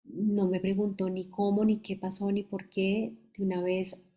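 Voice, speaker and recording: A woman in her forties with a Colombian accent, a mother giving a halting, emotional personal testimony. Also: medium pitch, little pitch movement, dark tone. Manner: halting, emotional, restarts mid-phrase.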